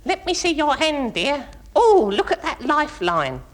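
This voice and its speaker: An actress playing a palm-reading fortune teller in a radio comedy sketch. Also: female voice, sits high, sing-song, measured pace. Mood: cooing, mock grave.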